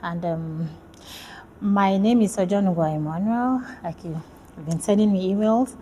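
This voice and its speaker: A woman's voice: mid-range voice, moderate pace, warm tone, a little hiss or hum. A woman from Nigeria, a PhD student, talking about her research in a casual interview, friendly and hesitant with many fillers.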